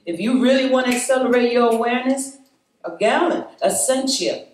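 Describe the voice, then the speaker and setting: A woman speaking to a live roundtable group, animated and preachy, laughing often and calling out to her audience. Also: on the high side, a little fast. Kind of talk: spirited talk to a live group. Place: meeting room with an audience. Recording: echoey room, voice from far off.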